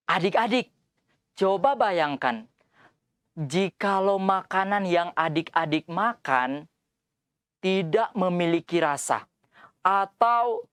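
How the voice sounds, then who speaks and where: A woman hosts a Bible lesson for small children. She speaks slowly in a clear, smooth voice, with exaggerated expression and frequent questions to her young listeners. The recording is close and dry. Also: medium pitch, fairly bright tone, no room sound. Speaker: children's Bible program host.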